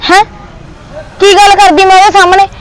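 A fierce young woman with a Punjabi accent fires off quick, cutting retorts at her boyfriend, as an actress plays her. Her voice sits very high and races along, with traffic somewhere behind her outdoors. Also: little pitch movement, crowd noise, low-quality recording. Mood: angry. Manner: sharp, confrontational, fast retorts. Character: angry young woman demanding her boyfriend leave his mother. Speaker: girlfriend. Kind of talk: short film acting.

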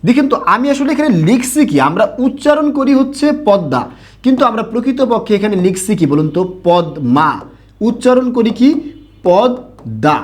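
A man's voice: very high voice, quick pace, few pauses. A young man teaching grammar in an online lesson, asking questions and answering them himself, repeating key points. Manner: repetitive, drilling.

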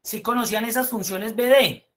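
A woman's voice: on the high side, normal speed. A woman teaching a spreadsheet course online, explaining step by step and praising her students.

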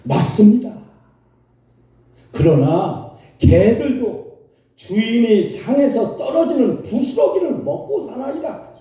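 A desperate, persistent mother pleads and cries out, voiced by a male pastor within his sermon. The voice rises high with lively swings, mellow and dark in tone. It rings with reverb from a distant mic in a church hall. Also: takes it slowly, long pauses, full character voice. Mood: resolute. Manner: pleading, crying out. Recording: echoey hall from far off.

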